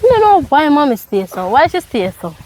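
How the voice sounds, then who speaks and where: An actress with a Jamaican accent playing a tired young sister who feels treated unfairly. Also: female voice, high-pitched, sing-song, normal speed, a little mellow. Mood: plaintive.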